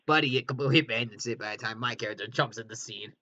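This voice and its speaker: Man, film director commentary, bright voice, rambling, self-correcting, dull lo-fi sound. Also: mid-range voice, very fast. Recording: dull lo-fi recording with faint hiss.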